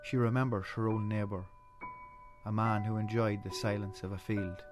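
Low-voiced male documentary narrator over music. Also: flat delivery, normal speed. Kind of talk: scripted narration.

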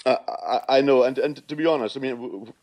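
A man in his fifties from Shetland with a Shetland Scottish accent, chatting as a radio interview guest in a halting way, often repeating words. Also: medium pitch, a little mellow, no echo. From Shetland, Scotland. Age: 50s.

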